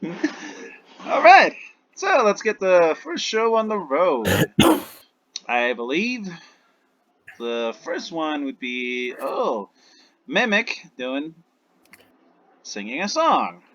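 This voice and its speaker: A man narrating a tabletop game as its game master, with a slow pace and a lively, swooping delivery. His voice is bright and fairly high, carried on muffled, lo-fi audio. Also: slight background noise.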